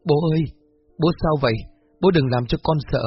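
A man raises his pitch to voice a scared, desperate young woman in a storybook reading, her pleas rising high and tearful. The voice is husky and a little breathy. The recording is dull and lo-fi, with faint music underneath. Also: brisk. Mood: frightened. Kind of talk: storybook narration.

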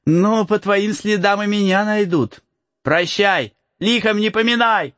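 Guy doing a cocky forest kid, teasing and cackling, high lively voice, kinda muffled. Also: a little slow, dry recording. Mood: mocking. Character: mocking cheeky forest boy, laughing runaway.

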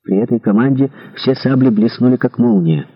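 A man reads an adventure novel aloud with dramatic expression. His voice is husky and mid-pitched, and the recording sounds slightly dull and lo-fi. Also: normal speed. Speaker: audiobook narrator. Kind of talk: scripted narration.

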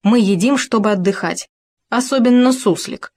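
A woman's voice: on the high side, normal speed, darkish tone, voice pushed up, close to an everyday voice. A woman reading a storybook, voicing a stingy, bossy male hare who blurts out answers.

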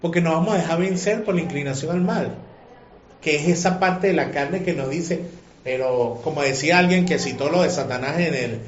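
Animated man teaching a class. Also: a little high, moderate pace. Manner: animated, questioning, emotional. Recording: echoey room, muffled lo-fi sound.

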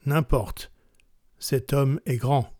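A man's voice: medium pitch, fairly even intonation, very slow, a little mellow, no room sound, studio quality. A man reading the lines of a young, rich, dashing male general from a storybook in an earnest, exclaiming way.

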